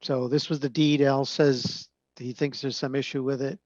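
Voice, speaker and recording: Man on a video call, muffled call audio, dry sound, hesitant, measured delivery with many fillers. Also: medium pitch, flat delivery, a little mellow, no echo. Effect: heard over a video call. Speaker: staff member presenting an application to a zoning board. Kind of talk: presenting documents page by page at a public meeting. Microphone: computer microphone on a video call. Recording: dull, narrow-band call audio.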